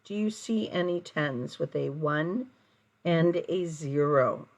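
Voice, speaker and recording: A woman teaching young children like a kids show host, in simple phrases with prompting questions and deliberate, sing-song counting. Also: sits low. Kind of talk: early-grade counting lesson, addressed to children.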